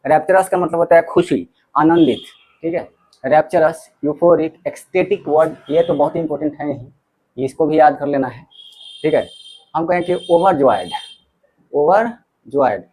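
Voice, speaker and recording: Man teaching vocabulary, higher voice. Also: normal speed, warm tone, husky, poor audio. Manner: explains in Hindi mixed with English, spells words letter by letter; repeats words and checks in with "theek hai". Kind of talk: exam-prep lesson.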